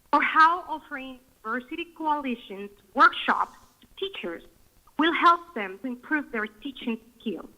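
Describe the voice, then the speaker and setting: A woman, a parent giving an indignant public comment at a school board meeting, heard over a speakerphone. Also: high-pitched. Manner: indignant, confrontational. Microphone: phone. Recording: muffled phone line on speakerphone.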